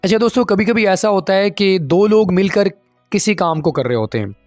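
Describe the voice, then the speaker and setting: Higher-voiced man teaching grammar. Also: lively intonation, dry recording, soft background music. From Pakistan. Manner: explains step by step, often checking in with the viewers; reads the English example sentences slowly and deliberately. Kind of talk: recorded grammar lesson.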